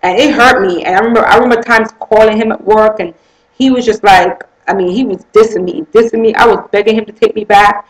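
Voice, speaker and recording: A woman's voice: mid-range voice, steady tone, fast, poor audio. A woman telling her own life story as an earnest, emotional testimony, repeating phrases for emphasis and running her sentences together. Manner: speaks in loose run-on sentences with many "I mean" and "you know". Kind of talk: personal testimony, casual spoken storytelling.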